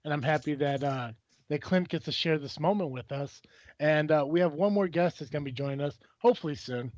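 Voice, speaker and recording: A man hosting a casual podcast, talking excitedly and rambling with many restarts and fillers. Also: a little high, a little fast, no echo, highs cut off. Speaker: podcast host.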